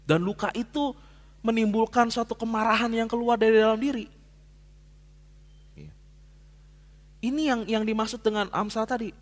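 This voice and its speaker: A man preaching a sermon as a pastor, telling a personal story in casual slang and swinging from hushed to loud. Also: sits high, steady tone, normal speed, pauses often. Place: church hall. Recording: long hall reverb.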